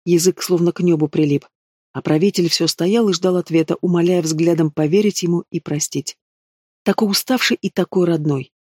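A man reading a fantasy novel aloud in a steady, expressive narration. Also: on the high side, normal speed, no room sound, studio quality. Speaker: audiobook narrator. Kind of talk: scripted narration.

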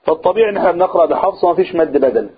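His voice high-pitched, expressive, and racing, an Egyptian man teaches a religious class in an Egyptian Arabic accent. He quizzes the room, answers his own questions, and draws out vowels as recitation examples, all on a husky, lo-fi, phone-quality recording.

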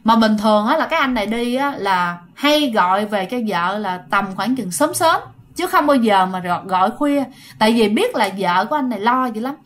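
A woman telling ghost stories casually, talking straight to her listeners. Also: fairly high pitch. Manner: chatty, addresses listeners directly. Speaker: storyteller.

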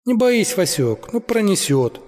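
A man's voice: high-pitched, very animated, measured pace, a little mellow, in a large hall, pitched above the performer's own voice. A man doing a cheeky joking young guy. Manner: jokey, playful.

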